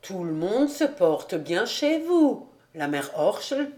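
A woman's voice: mid-range voice, big pitch swings, slow pace, a little mellow. A woman voicing a cheerful, eager man who exclaims heartily in an audiobook. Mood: hearty.

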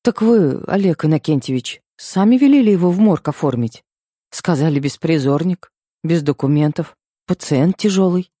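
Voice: medium pitch, animated, normal speed, warm tone, no echo, studio quality, pitched above the performer's own voice, natural voice. A reader voicing an unsure nurse who mumbles her answers in an audiobook. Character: unsure plump woman nurse, hesitant.

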